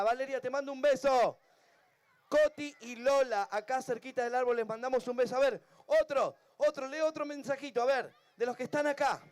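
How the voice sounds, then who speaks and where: With a clear, resonant, very high voice, a man with an Argentine Spanish accent entertains kids, chatting playfully from the stage with a crowd at an outdoor event.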